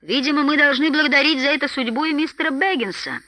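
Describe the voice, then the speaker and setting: A woman's voice: sits high, quick pace, sharp tone, dry recording, pitched above the performer's own voice. A woman voicing a proud dwarf king who speaks in a stately, declaiming way.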